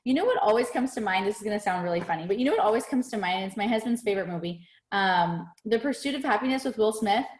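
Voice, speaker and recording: A woman's voice: medium pitch, expressive, quick pace, hardly any pauses, roomy sound. A woman hosting a casual chat, gushing and chatty, sprinkling her talk with "dude" and "like.". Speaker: host.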